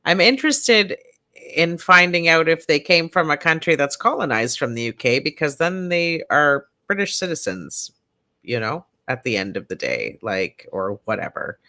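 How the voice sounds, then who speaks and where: A woman's voice: sits low, very animated, normal speed, sharp tone. A woman co-hosting a live political talk show, blunt and sarcastic, swearing freely. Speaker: co-host. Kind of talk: casual political commentary.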